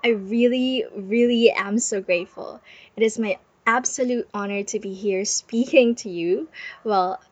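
A woman's voice: medium pitch, a little slow, dry recording. A young adult woman hosting a casual solo podcast in a bubbly, affectionate, motivational way, recorded under a blanket on her bed. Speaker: podcast host. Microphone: close microphone. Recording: dry, muffled space under a blanket.

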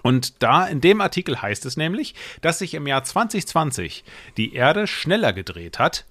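A man's voice: fairly high pitch, big pitch swings, normal speed, fairly bright tone, no room sound. A man hosting a casual podcast, talking in a rambling, jokey way and often repeating himself. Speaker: podcast host.

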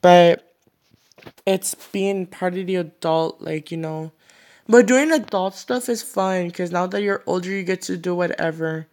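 A sixteen-year-old host carries his podcast solo, speaking high-pitched with a darkish tone at a measured pace. His casual monologue wanders loosely and leans heavily on "like, you know."

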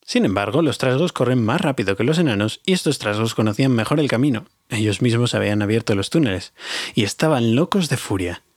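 A man's voice: mid-range voice, animated, fairly quick, husky, dry recording, studio quality. A man reading a fantasy audiobook aloud, confiding and speaking straight to his listeners. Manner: warm, confiding, addresses listeners directly. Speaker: audiobook reader. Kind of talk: storytelling narration.

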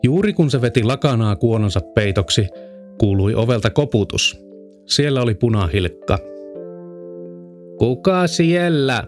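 Low-voiced man reading a fairy tale. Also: animated, a little mellow. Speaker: storyteller. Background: faint music.

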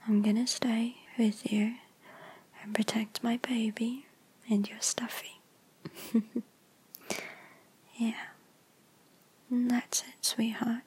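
A woman speaks in an airy, breathy whisper with almost no voice behind it, and she lingers on every word at a very slow pace. It is gentle, lulling ASMR comfort roleplay, whispered close to the microphone. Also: a little high, flat delivery. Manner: soft unvoiced whisper, soothing and lulling. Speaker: ASMR creator.

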